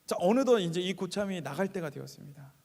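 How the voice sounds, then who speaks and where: A man preaches in a church with a high, gravelly voice, moving from hushed asides to raised appeals. The sound carries a long hall reverb. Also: animated, quick pace. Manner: storytelling, swings between quiet asides and raised appeals. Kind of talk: sermon with personal story.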